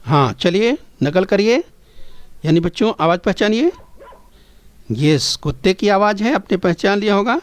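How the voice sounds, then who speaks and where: A man's voice: sits high, expressive. A patient male teacher coaxing children. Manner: patient, repeats phrases slowly for pupils to echo; addresses the children constantly, coaxing and encouraging. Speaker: primary school teacher. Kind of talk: recorded Hindi lesson for young children.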